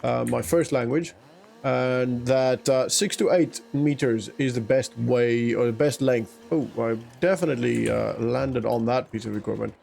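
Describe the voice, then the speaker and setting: A gaming YouTuber whose first language is Afrikaans rambles casually to himself and chuckles while playing a farming game, in a let's-play style. His voice is medium-pitched, gravelly, and a little mellow, with a slightly slow pace. A faint hiss or hum sits in the recording.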